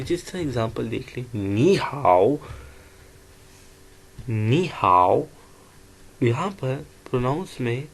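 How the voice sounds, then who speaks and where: A man giving an online language lecture, explaining letters and sounds one by one in a slow, patient way. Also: medium pitch, darkish tone, a little hiss or hum. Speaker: language teacher.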